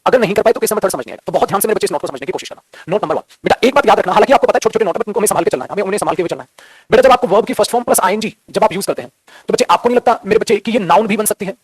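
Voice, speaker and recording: A man's voice: sits high, rapid-fire, slightly rough, no echo. A man teaching English grammar to students in Hindi, calling them "beta", repeating key phrases and answering his own questions. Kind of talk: classroom grammar lesson in Hindi.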